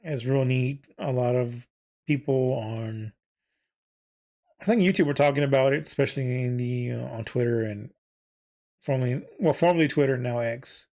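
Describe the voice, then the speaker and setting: A man in the middle range of pitch talks loosely into a desk mic, wandering through his thoughts with fillers and restarts. His voice is wearing thin from talking so long. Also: moderate pace, a little mellow. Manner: rambling, many fillers and self-corrections. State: losing his voice. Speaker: podcast host and VTuber. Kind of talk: casual solo podcast chat.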